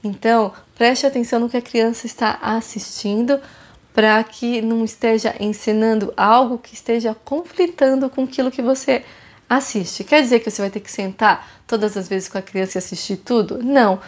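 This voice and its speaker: A woman with a slightly high voice hosts a casual parenting vlog. She talks earnestly and instructively, addressing the viewer directly as she gives advice. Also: moderate pace.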